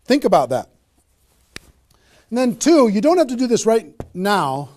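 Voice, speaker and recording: A man delivers a high-energy motivational seminar on network marketing, peppering a live audience with rhetorical questions. His voice sits high and he keeps a measured pace.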